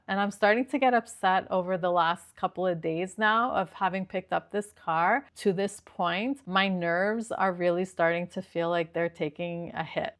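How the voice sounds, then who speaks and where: Woman vlogger telling a car story. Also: fairly low pitch. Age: middle-aged. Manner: emotional, retelling with quoted dialogue. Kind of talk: casual storytelling. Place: inside a parked car during a storm.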